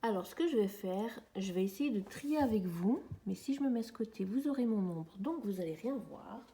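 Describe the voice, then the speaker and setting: Woman, 40s, mellow casual vlog chat at home, tripod camera mic. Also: medium pitch, lively intonation, a little fast, a little hiss or hum. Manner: chatty, friendly, addresses viewers as friends. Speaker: vlogger. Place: at home, sitting on the floor. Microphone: camera on a tripod, mic on the far side.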